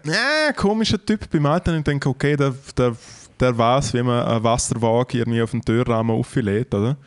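A man's voice: medium pitch, clear, resonant tone. A man in his thirties with a Swiss German accent, telling a rambling anecdote in casual chat and acting out the dialogue. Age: 30s.

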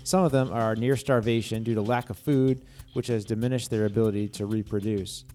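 A man with a New England accent hosting a travel podcast, introducing a guest and then asking questions with a few filler pauses. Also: on the low side, fairly even intonation, mellow, faint music behind. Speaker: podcast host.

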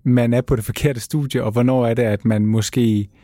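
A man co-hosts a podcast and carefully builds a question for his guest. His voice is warm and mid-pitched. The sound is dry and close to the mic. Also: fairly even intonation, no room sound. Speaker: podcast host. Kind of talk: podcast interview.

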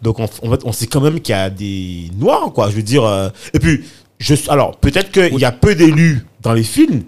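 A man's voice: mid-range voice, sing-song, moderate pace, a little mellow. A man in casual conversation who rambles, with many restarts and fillers.

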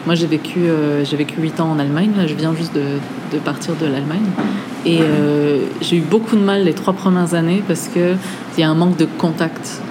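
A woman from France interviewing a guest in a café, speaking in a chatty, relaxed way. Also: low-pitched, a little fast, background noise. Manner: chatty, relaxed, laughs easily. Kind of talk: casual conversation.

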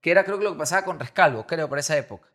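Comedian, higher voice, animated storyteller with restarts, casual chat. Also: male voice, rapid-fire. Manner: animated anecdote-telling with frequent restarts. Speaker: comedian and podcast guest.

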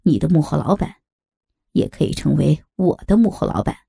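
Calm, menacing male gang boss voiced by a woman for an audiobook: low, gravelly, dry. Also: no echo, heavily acted. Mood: coolly menacing. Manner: calm, measured threats. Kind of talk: audiobook character voice.

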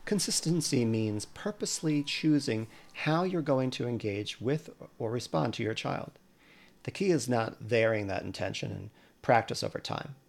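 A man coaching parents in a scripted podcast monologue, earnest and measured as he gives advice. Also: mid-range voice, lively intonation, vocal fry.

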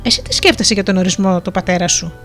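A shy, well-mannered young fisherman in a storybook, as a woman narrator reads him. He speaks softly and politely. Quiet music sits faintly behind. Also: mid-range voice, lightly acted. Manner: soft-spoken and courteous.

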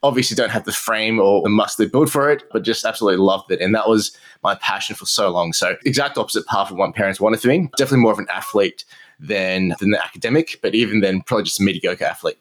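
In a casual podcast interview, a thirtysomething Australian marketing entrepreneur shares his story fast, in a lowish voice. He's frank, pokes fun at himself, and laughs a lot.

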